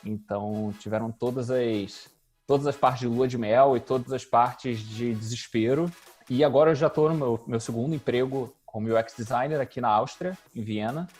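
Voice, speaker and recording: A Brazilian man in his 30s from Rio de Janeiro, a UX designer, is a guest in a casual interview. He's relaxed and thinks aloud as he talks, using fillers. His voice is mid-range at a normal speed, with faint music behind him.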